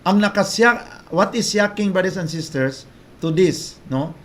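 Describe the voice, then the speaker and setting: A man's voice: sits high, animated, unhurried, fairly bright tone. A man preaching, telling a testimony to his congregation in an earnest storytelling way, often breaking off and restarting his phrases.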